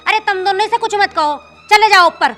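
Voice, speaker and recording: A woman as a high, sharp-tongued village mother. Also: lively intonation, normal speed, faint music behind. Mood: scolding. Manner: scolding, earthy village speech.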